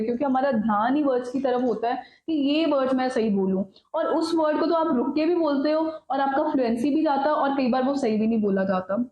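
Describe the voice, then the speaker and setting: A woman's voice: high-pitched, echoey room, lo-fi sound. A woman coaching students on exam speaking, giving direct advice in a mix of Hindi and English. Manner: direct, advising, addresses viewers as guys. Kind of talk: instructional talk mixing Hindi and English.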